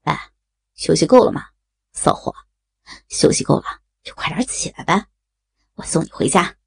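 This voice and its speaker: Woman voicing a gravelly, sneering bully of a man. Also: low-pitched, expressive, moderate pace, voice pushed down, exaggerated voice. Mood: sneering menace. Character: crude, menacing adult man. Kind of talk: erotic audio story reading.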